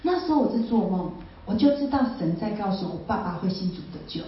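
A woman's voice: mid-range voice, animated, fast, a little hiss or hum. A woman gives an emotional personal testimony, repeating phrases and asking her listeners rhetorical questions. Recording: very echoey, distant, slightly dull sound.

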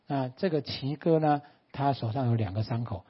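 A man pastor, preaching a sermon in a church and telling stories in an animated way. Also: mid-range voice, moderate pace, breathy edge, muffled recording. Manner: animated storytelling, acting out quoted lines.

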